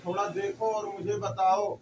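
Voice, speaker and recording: A high-pitched man lectures a chemistry class, firing questions at the students and answering them himself. He stands a little back from the mic, and a faint hum of the room sits behind him. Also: little pitch movement, a little slow, distant mic, lo-fi sound. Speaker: chemistry teacher.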